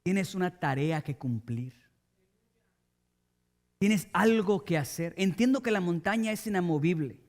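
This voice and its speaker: A man's voice: high-pitched, expressive, unhurried, pauses often, darkish tone. A male pastor preaching a sermon with emphasis, speaking straight to his congregation. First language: Spanish.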